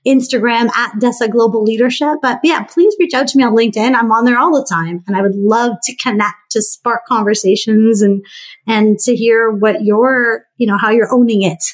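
A woman's voice: on the high side, moderate pace. A woman guest on a podcast interview, speaking in a heartfelt, affirming, casual way.

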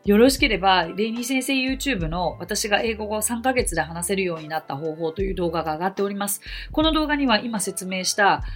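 A woman hosting a podcast on learning English, explaining in an earnest way with bursts of excitement. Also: mid-range voice, a little fast, few pauses, soft background music. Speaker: English conversation teacher and podcast host. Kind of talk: podcast talk.

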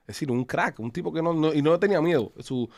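A man co-hosting a casual sports chat, telling stories in an animated, slangy way. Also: fairly high pitch, fast talker, vocal fry.

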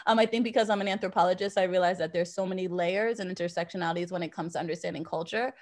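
Speaking rapid-fire in a fairly low voice, this American-accented woman is a podcast guest, an anthropologist and professor born in Jamaica and raised in Boston. She tells personal stories conversationally, repeating phrases for emphasis.

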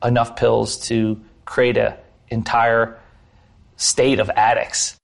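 A man answering in a news interview as an official, speaking deliberately and with emphasis. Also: mid-range voice, monotone, creaky. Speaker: state attorney, interviewee.

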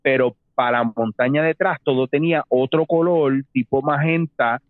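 A man, telling a long personal story in casual talk, animated and mixing in English phrases. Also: mid-range voice, normal speed, no echo. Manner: animated, mixes English phrases, acts out voices. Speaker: storyteller guest. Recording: tinny phone-like dry sound.

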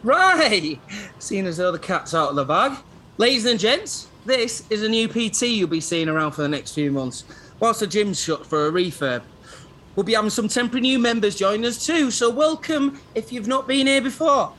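A cheesy, upbeat gym trainer, played by a man, full of chirpy coaching patter. His pitch rises and falls a lot. A faint hiss of noise runs underneath. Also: animated, normal speed, sharp tone. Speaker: personal trainer. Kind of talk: sitcom acting.

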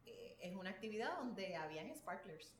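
A woman's voice: mid-range voice, animated, moderate pace, far from the mic. Puerto Rican woman in a roomy crowd. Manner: hesitant, many fillers. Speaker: wedding coordinator. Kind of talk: casual storytelling on a panel. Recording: roomy with crowd noise behind.

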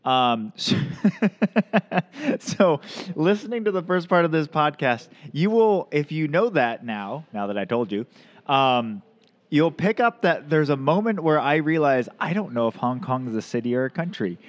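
A man's voice: on the high side, expressive, normal speed. A man in his thirties hosting a podcast in a casual, chatty way, rambling with lots of ums and restarts. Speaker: podcast host.

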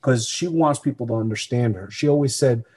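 A middle-aged man, born in Colombia and raised in New Jersey, appears as an interview guest and talks earnestly and conversationally about himself, telling personal stories. His voice is medium-pitched, a little mellow, and slightly rough, and he speaks fairly quickly.

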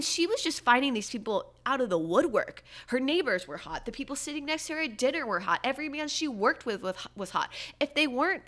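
A woman hosting a casual pop-culture chat, gossipy and sarcastic, with lively swoops up in pitch. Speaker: podcast host.

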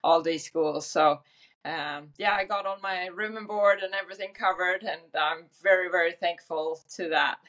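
A woman's voice: lowish voice, steady tone, moderate pace, a bit bright. A middle-aged woman from Sweden with a Swedish accent, talking casually as a guest in an interview, chatty and laughing easily with lots of fillers. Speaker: guest, tennis event director. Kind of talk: conversational interview answers.

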